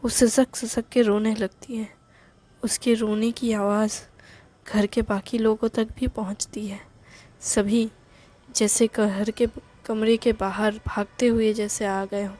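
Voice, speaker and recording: A woman narrating a love story in a soft, half-whispered, unhurried way. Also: mid-range voice, flat delivery.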